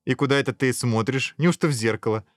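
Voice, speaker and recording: A man's voice: mid-range voice, fast talker, no room sound, studio quality, voice pushed up, close to an everyday voice. A man voicing a pretty, moody young princess in a storybook, pert and teasing.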